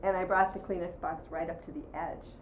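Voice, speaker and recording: A woman with a fairly low voice speaks fairly quickly while giving a workshop talk to an audience in a room, taking questions and animatedly acting out scenes and quoted voices. The sound is roomy, dull and lo-fi with faint noise.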